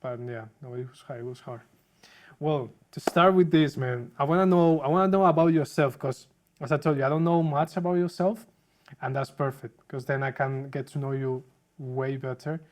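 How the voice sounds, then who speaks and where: Male podcast host raised in Spain, mid-pitched, eager questions, lots of "yeah". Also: moderate pace. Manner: eager interviewer, frequent affirmations. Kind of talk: casual podcast conversation.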